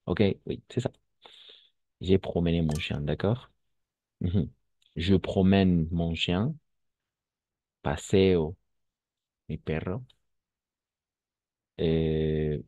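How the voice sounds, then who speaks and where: A man teaching French in an online lesson, speaking slowly and patiently, repeating phrases and switching into Spanish. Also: sits low, mellow, dry recording, dull audio.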